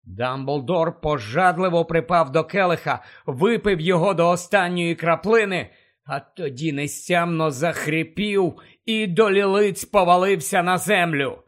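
A man narrating a fantasy audiobook with tense, urgent storytelling. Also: a little slow. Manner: tense, urgent storytelling that drops low and quiet for dark moments.

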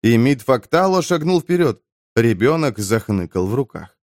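A male audiobook narrator reads fantasy prose with expressive storytelling in a mid-range voice. The recording is close and dry, with no room sound. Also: mid-range voice, normal speed, no echo.

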